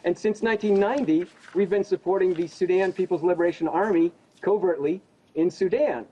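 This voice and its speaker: A genocide investigator from America gives opinionated commentary as a guest on a news interview, pressing his points with accusatory insistence. His voice sits high, mellow and slightly rough, a little fast, in dull lo-fi audio.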